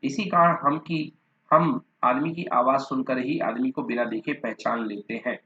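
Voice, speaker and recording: A man's voice: mid-range voice, fairly even intonation, a little slow. A man teaching a lesson, reading notes aloud, listing terms one by one and sometimes repeating or correcting himself. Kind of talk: Hindi lecture reading from notes. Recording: dull lo-fi recording.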